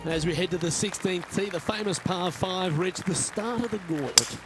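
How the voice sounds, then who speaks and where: Male golf play-by-play caller, measured and polished, higher voice, music bed behind. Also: a crowd in the background. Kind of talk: scripted video game sports commentary. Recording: commentary over game music.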